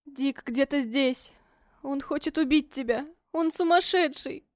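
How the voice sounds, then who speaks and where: Woman voicing a terrified high-voiced young wife. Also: steady tone, moderate pace, no room sound, clean studio sound, natural voice. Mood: frightened. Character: terrified injured young wife, confused and pleading. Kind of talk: audiobook character reading.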